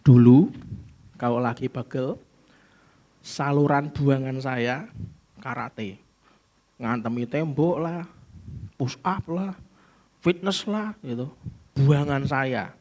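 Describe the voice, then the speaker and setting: A man's voice: mid-range voice, takes it slowly, long pauses, dark tone. A man with a Central Javanese accent preaching a sermon to a congregation, asking them questions and slipping into mock-angry outbursts. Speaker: pastor. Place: church.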